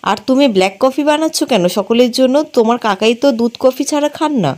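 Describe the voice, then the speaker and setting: Scolding middle-aged auntie, disapproving tone, woman reading, highish voice. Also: animated, a little fast, a little mellow, natural voice. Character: sharp-tongued middle-aged aunt.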